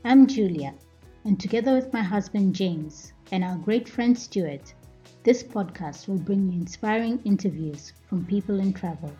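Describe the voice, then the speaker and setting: A woman's voice: mid-range voice, animated, moderate pace, dark tone, highs cut off, faint music behind. A woman hosting a podcast, reading a scripted introduction in an upbeat announcer manner. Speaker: podcast host.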